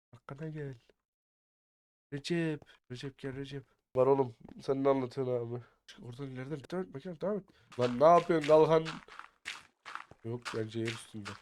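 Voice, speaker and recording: A man chatting with teammates over voice chat while playing a survival game, slangy and excitable, sometimes muttering quietly and sometimes breaking into shouts. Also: medium pitch, slight background noise. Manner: excitable, slangy, bursts into shouting when attacked; often mutters quiet asides. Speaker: gaming YouTuber. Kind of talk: casual gameplay chat with teammates.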